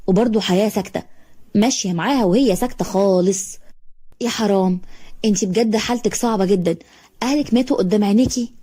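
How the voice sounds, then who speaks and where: A woman's voice: mid-range voice, warm tone, slightly rough, lightly acted. A woman playing a chatty Egyptian orphanage director. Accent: Egyptian Arabic. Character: middle-aged female orphanage director, chatty.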